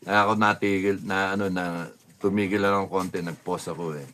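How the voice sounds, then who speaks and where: A man telling a casual anecdote. He is animated and laughs often, sometimes drops to a low, soft mumble, and acts out the voices of people he quotes. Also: brisk, noisy background. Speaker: storyteller recounting a rally.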